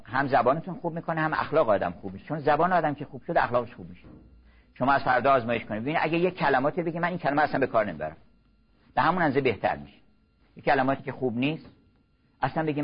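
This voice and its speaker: An older man giving a measured, exhorting religious lecture, slow and earnest. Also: mid-range voice, husky. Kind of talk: sermon-style lecture. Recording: muffled lo-fi recording.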